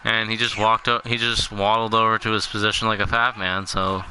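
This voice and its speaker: Young man, monotone, dry joker, game commentator, lowish voice, bright edge, light noise. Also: fairly quick, low-quality recording. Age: young adult. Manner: monotone, dry jokey delivery. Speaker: play-by-play commentator. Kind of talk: casual video game commentary.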